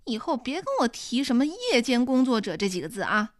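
A woman's voice: fairly high pitch, very animated, no room sound, clean studio sound. A woman reading an audiobook, voicing a bitter young woman who argues defensively with her mother. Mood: indignant. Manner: indignant, complaining, quick.

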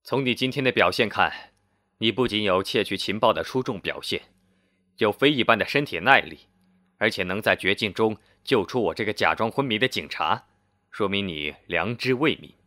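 Friendly middle-aged police chief in a storybook tale, smiling, reassuring, voiced by a man, lowish voice. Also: lively intonation, normal speed, pushed and bright, no echo, clean studio sound. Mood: calm, reassuring. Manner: smiling, reassuring, explains at length.

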